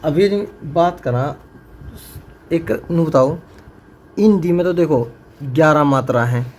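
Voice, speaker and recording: A man's voice: on the high side, slow pace, darkish tone. Man teaching a grammar class. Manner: drills students with repeated questions. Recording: faint background noise.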